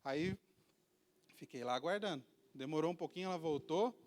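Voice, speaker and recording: A man's voice: fairly high pitch, animated, moderate pace. A man with a Brazilian accent giving a heartfelt personal testimony at a church service, telling his story to the congregation. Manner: heartfelt storytelling, addresses listeners as beloved.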